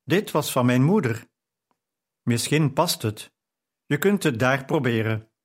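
A man's voice: medium pitch, expressive, a little slow, breathy edge. A man reading an audiobook, voicing an easygoing young nobleman with a playful, teasing way of speaking. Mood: breezy. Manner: breezy and playful.

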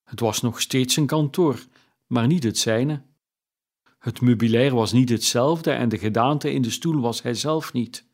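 A man narrating a classic story in a measured, storytelling manner. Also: medium pitch. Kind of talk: audiobook reading of a classic story.

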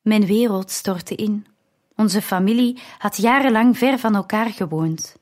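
Woman narrating an audiobook, slow and measured, mid-pitched voice. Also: darkish tone. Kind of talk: scripted narration.

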